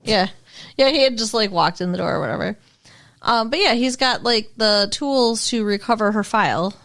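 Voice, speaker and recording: A woman's voice: on the high side, normal speed, a bit bright. A woman co-hosting a podcast, recapping a TV episode in chatty, wry casual conversation and swearing casually. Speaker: podcast co-host.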